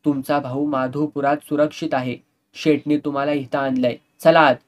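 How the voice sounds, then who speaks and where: A man's voice: on the high side, level tone, moderate pace, lightly acted. A man voicing a cold, menacing male henchman who gives orders sharply. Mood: threatening. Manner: cold, threatening.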